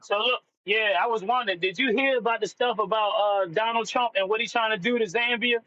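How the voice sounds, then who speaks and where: A man with a high, bright voice comes through a video call with a weak signal. He talks casually and haltingly, restarting often and filling gaps with "um". The call audio is dull and lo-fi. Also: steady tone, dry recording. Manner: halting, with many fillers and restarts. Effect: on a video call with a bad signal. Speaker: caller on a live discussion. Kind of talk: casual chat.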